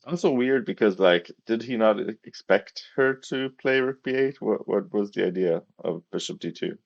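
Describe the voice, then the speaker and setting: A low, gravelly male voice, tired and hesitant, talks awkwardly around a swollen, sore tongue. He gives quiet, casual commentary as a chess streamer. The sound is dull. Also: normal speed, no room sound.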